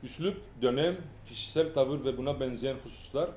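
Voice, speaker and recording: Measured, halting male lecturer in a hall. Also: medium pitch, a little mellow, a little hiss or hum. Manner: measured, halting with fillers and self-corrections. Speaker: lecturer on music history. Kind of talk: academic lecture, partly read aloud.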